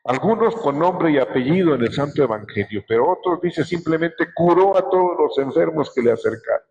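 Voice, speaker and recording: A man, a bishop giving a Sunday sermon, preaching slowly and emphatically and stretching out his words. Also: a little high, animated, darkish tone, dull audio. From Mexico. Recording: echoey church hall.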